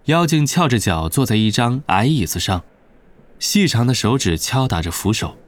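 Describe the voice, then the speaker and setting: A man reading a novel aloud as narrator, in a steady, even storytelling manner. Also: medium pitch, normal speed, no room sound. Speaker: audiobook narrator. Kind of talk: scripted narration.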